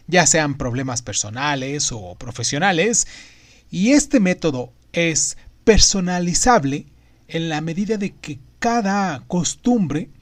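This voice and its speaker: A man hosting a podcast, narrating a semi-scripted book summary with emphatic stresses on phrases. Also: on the high side. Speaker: podcast host.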